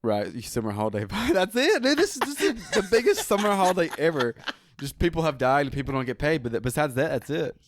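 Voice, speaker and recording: A man's voice: on the high side, big pitch swings, quick pace, a crowd in the background. A man from the United States co-hosting a podcast, joking around, laughing often and swearing casually, in a hot indoor room. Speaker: podcast co-host. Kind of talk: casual chat.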